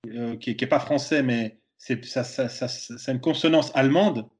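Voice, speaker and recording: A man's voice: mid-range voice, moderate pace. Hesitant Swiss French man. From Switzerland. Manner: hesitant, many repeated words and fillers. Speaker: comedian guest. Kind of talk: casual podcast chat.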